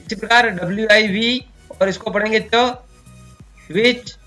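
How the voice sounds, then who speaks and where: A man's voice: high voice, steady tone, bright, forceful tone, faint music behind. A man teaching English pronunciation who spells words out sound by sound, asks the viewers questions and answers them himself. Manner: slow, spells out sounds one by one.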